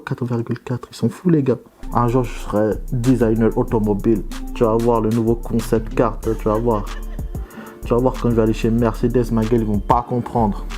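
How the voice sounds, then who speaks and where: A young man with a warm, relaxed voice chats his way through a drawing session. He jokes at his own expense and leans on street slang. Now and then his pitch leaps up in bursts of excitement. Soft music plays faintly underneath. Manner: slangy, self-mocking, jumps to excited high bursts. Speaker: vlogger. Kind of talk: casual joking commentary while drawing.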